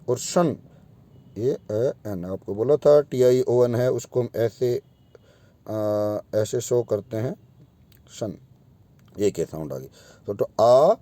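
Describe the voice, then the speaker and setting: A man's voice: mid-range voice, mellow, no room sound. A man teaching English pronunciation in a video lesson, spelling out vowel sounds one by one and addressing his students directly.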